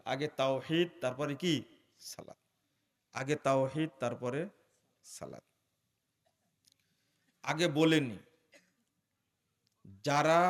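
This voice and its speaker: A man preaching an Islamic sermon, putting questions to the audience and answering them himself, swinging between loud emphatic peaks and quiet low asides.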